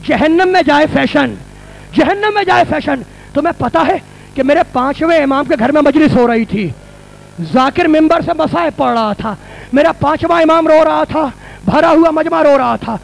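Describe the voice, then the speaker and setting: A man's voice: very high voice, creaky. A male religious scholar preaching a passionate mourning sermon to a gathering in a mosque hall. He repeats his phrases for emphasis and builds toward cries.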